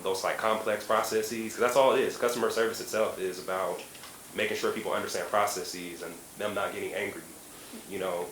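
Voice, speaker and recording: A man's voice: on the low side, a bit bright. A man from San Diego answering on a career panel, thoughtful and reflective, with many "um" and "like" fillers. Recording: roomy echo, faint hiss.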